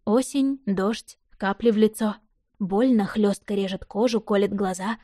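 A woman narrates a first-person audiobook in a measured, expressive way. Her voice is mellow and warm, and it sits at an everyday middle pitch. The recording is close and dry. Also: no room sound.

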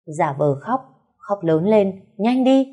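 A woman's voice: mid-range voice, lively intonation, slow, dark tone, breathy edge. A woman voicing a hot-tempered young husband, barking scornful orders. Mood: angry shouting.

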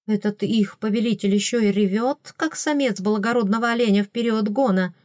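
A woman reading a first-person fantasy audiobook in an expressive manner, voicing characters with raised pitch. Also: fairly quick, no room sound, studio quality. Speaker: audiobook narrator.

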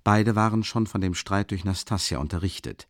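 A man narrating a classic novel as an audiobook, measured and dramatic. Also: lowish voice, no echo, clean studio sound. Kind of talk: scripted literary narration.

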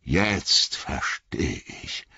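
A man voicing an old male wizard, weary yet commanding, with slow, drawn-out words, read for an audiobook. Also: rumbling low, animated, bright, forceful tone, slightly rough, dry recording, dull audio, pitched below the performer's own voice, full character voice. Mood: weary, murmuring. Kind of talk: audiobook character voice.

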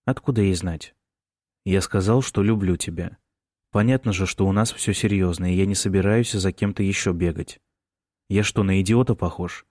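A sullen, irritable young man, read by a man. He talks gruffly, as if through clenched teeth. Low voice, dry close sound. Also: normal speed, a little mellow, no room sound. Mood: irritated, sullen.

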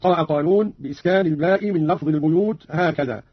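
A man teaching Quran recitation readings on the radio, in a measured, formal explanatory delivery with chanted examples. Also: on the high side, slightly rough, no room sound. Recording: dull lo-fi radio recording.

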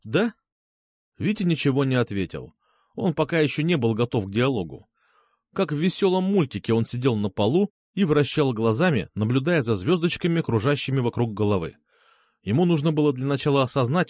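A man's voice: mid-range voice, expressive, fairly quick, darkish tone, dry recording, clean studio sound. A man narrating a first-person audiobook with sardonic, coarse humor.

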